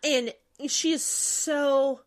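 Animated woman co-host, higher voice, profane casual film chat. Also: drawn-out words. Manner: animated, acts out character quotes, swears. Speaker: podcast co-host.

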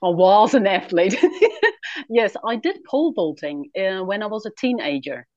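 A woman's voice: mid-range voice, expressive, moderate pace, darkish tone, no room sound, dull audio. A Dutch woman in her forties with a Dutch accent, a guest speaking candidly in an interview and laughing easily. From Netherlands. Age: 40s. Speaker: guest, author and traveler. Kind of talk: conversational interview.

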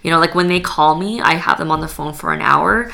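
Appearing as a guest on a podcast, a young Polish woman talks loosely and a little fast, with plenty of fillers and restarts in a casual interview chat. Her voice is very low, gravelly and bright-edged.

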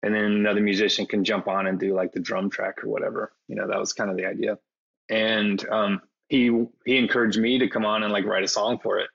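Husky, gravelly low-voiced man. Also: little pitch movement, fairly quick, fairly bright tone, lo-fi sound. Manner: hesitant, self-deprecating, many fillers. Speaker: podcast guest, musician. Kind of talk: casual interview conversation.

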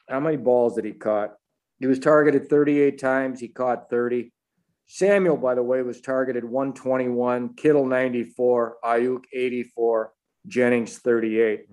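Male sports analyst host, mid-pitched, matter-of-fact, clipped delivery of figures and ratings. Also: darkish tone. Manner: clipped, matter-of-fact, short list-like phrases. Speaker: football analyst and show host.

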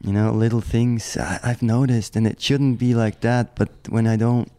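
A mid-range voice at normal speed belongs to a man in his thirties from German-speaking Switzerland, a pro snowboarder guesting in a casual interview chat. He rambles in a relaxed manner, restarting frequently and peppering in "like."

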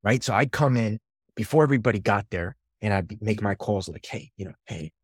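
Man, low voice, casual interview guest, lively storytelling, dry recording. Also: a little fast, no room sound. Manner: animated storyteller, swears casually. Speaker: podcast guest, sales leader and coach.

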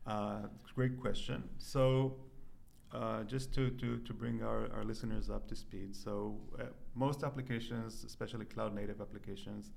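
A man's voice: fairly low pitch, fairly even intonation, moderate pace, creaky, darkish tone. A man from Israel, a company co-founder and guest, explaining things methodically in a conversational interview with frequent restarts. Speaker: guest, startup CTO. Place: convention hall.

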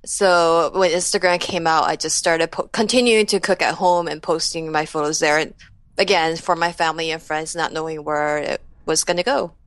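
A woman in her thirties with a Canadian accent, a photographer guest talking in a relaxed, soft-spoken, self-deprecating way. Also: low voice, moderate pace, no echo. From Taiwan, raised in New Jersey and Canada. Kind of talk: conversational interview.

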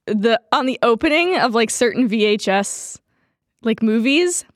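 A woman's voice: fairly high pitch, animated, unhurried, dry recording, clean studio sound. A young adult woman co-hosting a podcast in casual chat, rambling with lots of fillers and laughing often. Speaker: podcast co-host.

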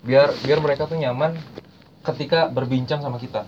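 A young man hosts a casual podcast chat, briskly explaining language learning in slang and repeating phrases as he goes. His mid-range voice is a little mellow, with fairly even intonation. The recording is muffled and lo-fi, with faint noise.

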